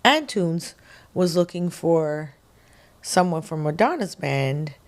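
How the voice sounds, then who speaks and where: Speaking slowly in a low register, this Quebec-born singer-songwriter is a guest on a relaxed interview. Her storytelling is lively, and she performs quotes with bursts of laughter.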